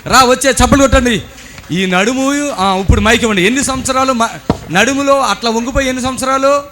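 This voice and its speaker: A man's voice: very high-pitched, fast talker, noisy background. A man preaching as pastor at a healing service, fervent and exhorting, questioning people on stage.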